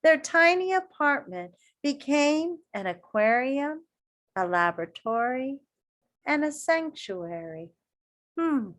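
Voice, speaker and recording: Like a grade-school teacher at story time, a woman with a high voice reads a children's book expressively and deliberately, pausing to address young listeners directly with questions and encouraging words.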